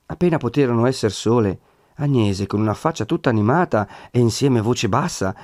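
Measured Italian male audiobook narrator. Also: mid-range voice, no room sound, studio quality. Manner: steady, measured literary reading. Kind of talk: scripted narration.

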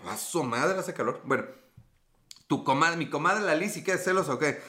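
A man's voice: fairly high pitch, expressive, normal speed, pushed and bright. A man with a Mexican accent hosting a livestream podcast, chatting casually and reading viewer comments with profane, teasing, flirty banter. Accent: Mexican Spanish.

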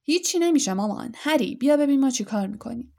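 A woman's voice: high voice, lively intonation, creaky, dark tone, voice pushed up, exaggerated voice. A woman reading aloud, voicing a breezy, confident teenage wizard boy. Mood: cheeky.

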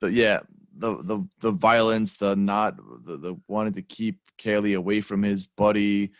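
A man's voice: lowish voice, steady tone, moderate pace, no room sound, studio quality. A man co-hosting a casual movie review podcast, blunt and rambling, with lots of "um" and "like.". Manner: blunt, rambling, frequent fillers. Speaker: podcast co-host.

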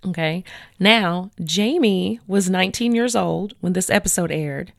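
Chatty woman podcast host, lowish voice. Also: a little slow, gravelly, no room sound, studio quality. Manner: chatty, animated, many "like" fillers. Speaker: podcast host retelling a case. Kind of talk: casual storytelling chat.

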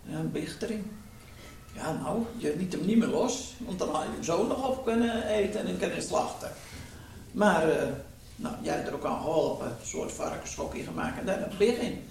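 An elderly woman with a creaky voice, reminiscing casually on an old home tape recording. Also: on the low side, lively intonation, moderate pace, darkish tone. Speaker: interviewee recalling wartime memories. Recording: distant, very echoey, hissy home tape.

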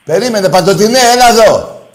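A man hosting a call-in radio show, combative and insulting toward callers, swinging between loud outbursts and low muttering. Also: animated, echoey room. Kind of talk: heated call-in show banter.

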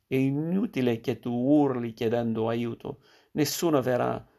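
A man's voice: medium pitch, a little slow, vocal fry, dark tone. A man reading the lines of a bitter, vengeful father in a story. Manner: bitter, accusing. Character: vengeful father of a wronged woman.

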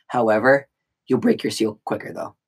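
A man's voice: on the low side, fairly even intonation, normal speed, vocal fry, husky. A young man co-hosting a podcast in casual chat, throwing in joking asides and banter. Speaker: podcast co-host.

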